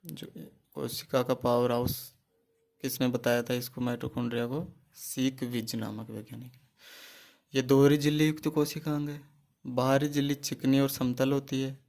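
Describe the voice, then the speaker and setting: A man's voice: mid-range voice, level tone, normal speed, gravelly, a little mellow. A man teaching a biology class for exam preparation. He asks questions, answers them himself and repeats key terms. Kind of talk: exam-prep lecture.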